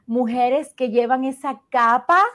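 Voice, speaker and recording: A woman's voice: high voice, steady tone, unhurried, fairly bright tone. A woman hosting a podcast interview, effusive and repeating her words for emphasis. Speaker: podcast host and advocate for abuse survivors.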